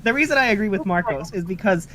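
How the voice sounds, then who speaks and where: Calm, measured voice on a group call. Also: mid-range voice. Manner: calm, measured, explains reasons. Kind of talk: casual chat on a call.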